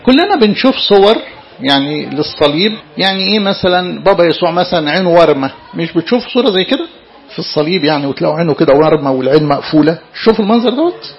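A man's voice: high voice, dull audio. A man with an Egyptian Arabic accent, a priest giving an interactive sermon to young listeners and keeping them engaged with questions. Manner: lively, keeps questioning his listeners.

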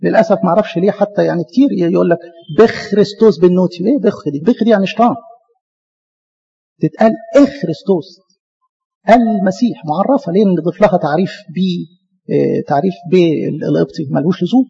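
A man with an Egyptian Arabic accent giving a lively church lecture, talking to his listeners as his beloved. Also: sits high, rapid-fire, vocal fry, husky, long reverb tail, highs cut off. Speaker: Coptic church speaker.

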